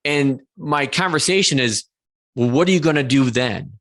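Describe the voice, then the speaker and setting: A man's voice: mid-range voice, normal speed, fairly bright tone. A man in his forties hosting an interview, talking earnestly and restarting his sentences often. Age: 40s. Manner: earnest, self-correcting with frequent restarts. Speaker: podcast host. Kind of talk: conversational interview.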